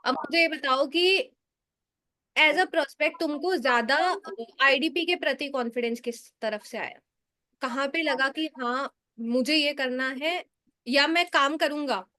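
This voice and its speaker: A woman's voice: sits high, measured pace, pushed and bright, no room sound. A woman sales trainer giving direct, coaching feedback on mock calls, asking her team for honest critique.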